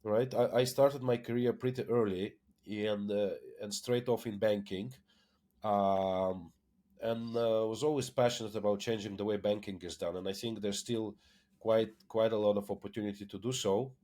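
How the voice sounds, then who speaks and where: Guy, deepish voice, keeps saying uh and repeating words, interview chat. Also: steady tone, normal speed, mellow. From Lithuania. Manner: hesitant, many fillers and repeated words. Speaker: tech company founder, guest. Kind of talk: casual interview conversation.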